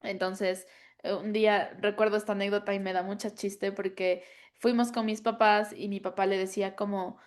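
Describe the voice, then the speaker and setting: Woman, mother on a podcast, chatty storyteller, middle pitch. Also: little pitch movement, normal speed, a little mellow. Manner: chatty storytelling, laughs often, many fillers. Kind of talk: casual chat.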